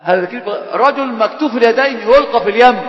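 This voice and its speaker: A male sheikh with an Egyptian accent teaches a classroom religious lesson at a breakneck clip, his voice set fairly high. He keeps firing questions at his students and needling them, switching between formal and colloquial speech. The sound is dull and carries a long hall echo. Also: very fast. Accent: Egyptian Arabic.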